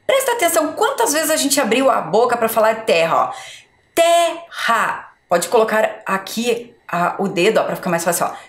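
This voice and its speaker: Woman teacher, children's spelling lesson, sounds out syllables, higher voice, roomy echo. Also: expressive, fairly quick, hardly any pauses. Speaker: schoolteacher. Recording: echoey room.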